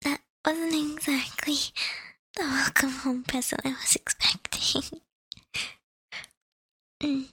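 A woman playing an affectionate girlfriend, talking softly and often in a whisper, hesitant and giggly with many fillers. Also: high-pitched, fairly even intonation, takes it slowly, pauses often, no room sound, full character voice. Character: affectionate girlfriend welcoming partner home. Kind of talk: audio roleplay.

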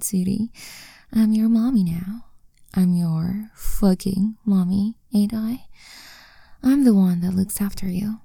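A young woman whispering an intimate, coaxing audio roleplay in a soft, commanding way. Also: fairly low pitch, gravelly, no echo, studio quality.

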